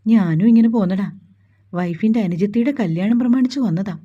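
A woman's voice: medium pitch, brisk, muffled recording, lightly acted. A woman voicing a cheerful, teasing young man, chatting with an old friend. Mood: chatty.

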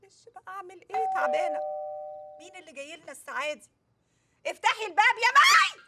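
A woman's voice: very high voice, rapid-fire, very noisy. An actress playing a short-tempered, frazzled mother with an Egyptian accent, scolding in exasperation. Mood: exasperated. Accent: Egyptian Arabic. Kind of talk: TV comedy series acting.

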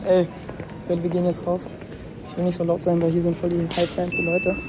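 A man's voice: sits high, monotone, a little fast, over music. A young man filming himself on a phone, talking straight to his viewers in a hyped, slangy vlog style as he walks through the city and the gym. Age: young adult. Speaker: vlogger. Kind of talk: casual vlog narration. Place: city streets, hotel and gym, in and out of doors. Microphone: phone camera at arm's length.

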